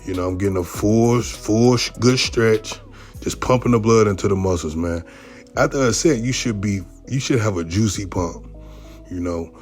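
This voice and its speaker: A man with a low, deep voice talks through his training in a laid-back coaching tone. He explains his technique conversationally and keeps checking in with the listener, with faint music playing underneath. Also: moderate pace. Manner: relaxed, conversational, repeats "you know what I mean". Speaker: bodybuilder narrating his workout. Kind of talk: casual instructional voice-over.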